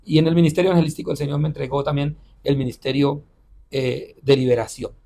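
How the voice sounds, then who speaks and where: A male pastor telling a personal spiritual testimony in an interview, halting and repeating words often with frequent "eh" fillers. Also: medium pitch, steady tone, warm tone. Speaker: pastor and missionary.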